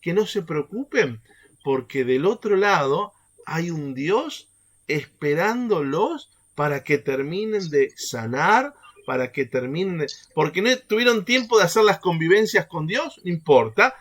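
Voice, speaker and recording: Lively man leading a faith workshop. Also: fairly high pitch, a little slow. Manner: animated, keeps checking in with the group through rhetorical questions. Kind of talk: teaching a catechesis workshop.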